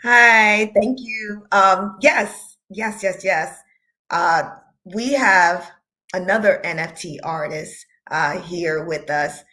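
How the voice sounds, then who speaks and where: A woman's voice: on the low side, slow, pushed and bright. A woman hosting an online conference stream, introducing a guest with many hesitant fillers. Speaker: event host.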